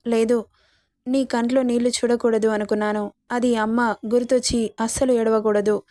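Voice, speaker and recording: A teasing, coaxing young male lover, read out by a woman storyteller. The voice sits a little high and sounds mellow and warm, recorded close and dry. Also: flat delivery, normal speed, no room sound, natural voice. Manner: coaxing, playful.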